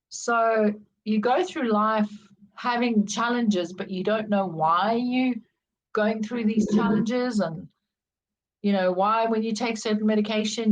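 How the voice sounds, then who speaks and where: A middle-aged woman with a South African accent appears as a podcast guest, candidly and reflectively recounting her life story in an interview. Her voice is medium in pitch, and the audio sounds dull.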